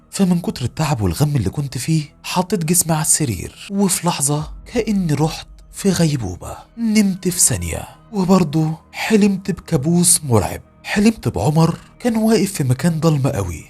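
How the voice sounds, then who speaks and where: A man's voice: a little high, darkish tone, husky. Dramatic Egyptian male horror storyteller. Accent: Egyptian Arabic. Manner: tense, dramatic, emotional. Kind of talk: first-person horror story narration.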